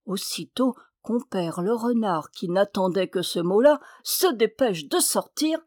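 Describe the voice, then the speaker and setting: A woman's voice: medium pitch, a little slow, no room sound, studio quality. Woman reading a fairy tale aloud. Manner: lively expressive reading. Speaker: storyteller.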